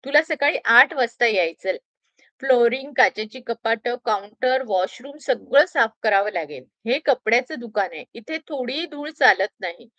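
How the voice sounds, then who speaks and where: Gruff but caring shop worker, read by a woman. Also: fairly high pitch, expressive, moderate pace, a bit bright, dry recording. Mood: instructive. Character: kindly senior shop worker, grown man.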